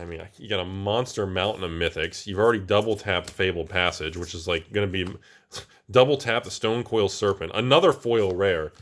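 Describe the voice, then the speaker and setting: A man talking casually to his viewers, his pitch swinging up and down as he gets excited. He rambles and restarts his sentences. There is a faint hiss of noise in the background. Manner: animated and exclaiming, rambling with restarts. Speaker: channel host. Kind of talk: casual commentary while opening card packs.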